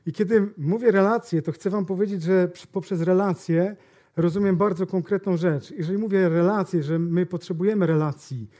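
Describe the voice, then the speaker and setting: High-voiced man telling a sales story. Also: normal speed. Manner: lively storytelling, talking straight to listeners. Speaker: sales trainer speaking to an audience. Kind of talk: anecdote told to a live audience.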